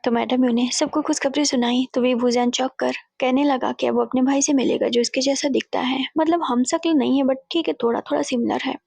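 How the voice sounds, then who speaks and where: A woman's voice: high voice, fairly even intonation, brisk, vocal fry, few pauses, darkish tone, breathy edge, dry recording. A woman retelling a fan-fiction story in a chatty, casual storytelling manner, mixing in English words. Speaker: story narrator.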